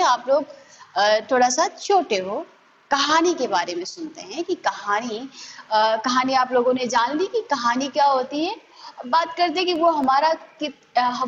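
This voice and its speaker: A woman's voice: high-pitched, a little hiss or hum. A woman primary school teacher giving an online lesson to children, patient and coaxing, mixing English words into her talk. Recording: echoey, dull lo-fi room recording.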